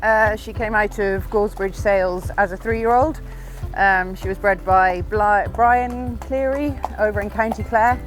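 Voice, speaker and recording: The speaker is a middle-aged woman, raised in Scotland, who rides event horses; she is being interviewed on film. Her medium-pitched voice is relaxed and thoughtful, with many pauses and fillers, and faint music plays behind her.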